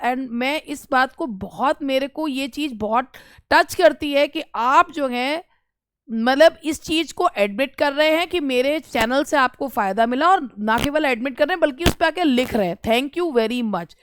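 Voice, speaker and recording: Indian female tutor, high clear voice, patient explainer, dry close recording. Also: no echo. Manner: explains slowly in Hindi mixed with English terms. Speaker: English literature exam tutor. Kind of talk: online exam-prep lesson.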